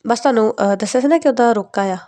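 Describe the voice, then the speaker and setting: A woman's voice: fairly high pitch, mellow, dry recording, close to an everyday voice. Woman voicing a pushy mother. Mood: chatty. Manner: insistent, scolding, rapid. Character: nagging middle-aged Punjabi mother.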